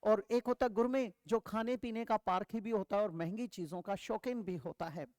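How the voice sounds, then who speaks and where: A woman's voice: mid-range voice, darkish tone, dry recording. Woman teaching vocabulary, dry close sound. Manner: explains step by step, asks and answers her own questions, calls students "beta"; reads English definitions slowly and deliberately. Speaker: English teacher. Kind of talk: exam vocabulary lesson.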